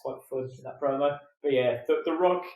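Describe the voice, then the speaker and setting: A man co-hosting a podcast in casual, animated, swear-filled chat. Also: medium pitch, moderate pace, roomy sound, narrow, tinny audio. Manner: animated, swears a lot, acts out voices in quotes. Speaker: podcast co-host.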